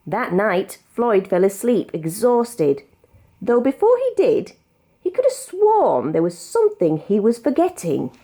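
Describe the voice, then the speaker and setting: This is a read-aloud of a children's storybook by a British-accented woman whose mid-range voice stays expressive and carefully paced.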